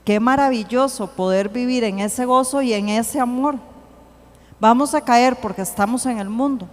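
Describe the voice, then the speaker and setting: A woman giving an earnest church teaching, slowing to read scripture aloud. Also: fairly high pitch. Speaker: church speaker. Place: church hall. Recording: long hall reverb.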